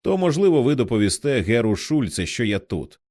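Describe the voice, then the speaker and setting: A man reading the part of a bold, quick-tempered young man who talks in a brisk, determined way. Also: mid-range voice, big pitch swings, darkish tone, no room sound, studio quality.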